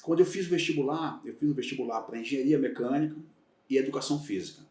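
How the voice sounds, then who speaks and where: This podcast guest, a retired federal police agent in his fifties from Salvador, Bahia, speaks with a Bahian Brazilian Portuguese accent in a mid-pitched, mellow, fast voice. He shares candid, reflective stories in a casual interview, restarting often. The recording is roomy and off-mic, his voice carrying from a distance.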